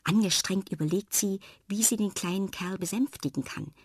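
Woman storyteller, children's story reading, calm, husky, dry close recording. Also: medium pitch, moderate pace, dry recording.

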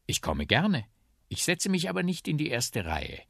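A man voicing a stout, shy talking bagpipe in a children's radio story, speaking slowly and dryly. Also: a little high, huge pitch swings, vocal fry, fairly bright tone, no echo, studio quality, pitched above the performer's own voice, exaggerated voice. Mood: dry, deadpan.

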